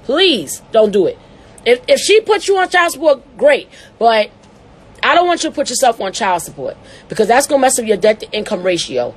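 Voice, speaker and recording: A woman hosting an advice show, reading a listener's letter aloud and answering it with blunt, profane, animated commentary. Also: fairly high pitch, normal speed, slightly rough.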